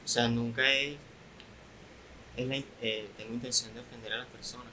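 Soft-spoken young Venezuelan guest. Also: male voice, mid-range voice, normal speed, a little hiss or hum, poor audio. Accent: Venezuelan Spanish. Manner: soft-spoken, relaxed, candid. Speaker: guest, content creator. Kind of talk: casual podcast interview.

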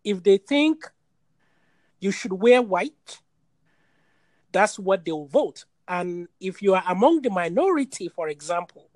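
A man's voice: sits high, lively intonation, unhurried, long pauses, darkish tone, no echo. A man from Nigeria hosting a casual call-in discussion, stating his views bluntly and repeating his points. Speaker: podcast host. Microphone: phone or video call.

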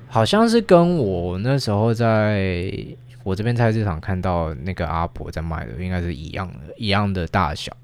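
A young man telling a casual, lively story, acting out the lines of the people in it. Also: medium pitch, no room sound, clean studio sound. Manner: chatty, animated retelling with quoted dialogue.

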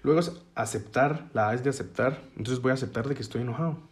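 A man talking listeners through a self-help method step by step in a relaxed, conversational way. He keeps asking whether they are following him, and he explains the ideas through simple images from daily life. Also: medium pitch, fast. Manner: conversational, checks in with listeners with frequent "ok?"; uses metaphors to explain ideas. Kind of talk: casual explanatory talk to an audience.

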